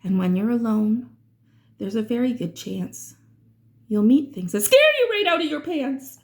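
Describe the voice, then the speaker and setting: A woman with a high-pitched voice reads a rhyming picture book aloud to children, a little slowly. She follows the verse expressively and dramatically, drawing out key words.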